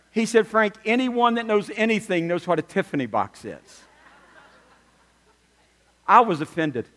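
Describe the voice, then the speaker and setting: A middle-aged man preaching a sermon as pastor, telling stories with humorous asides and lively emphasis. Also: high-pitched. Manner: animated storytelling with humorous asides. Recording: long reverb of a large hall.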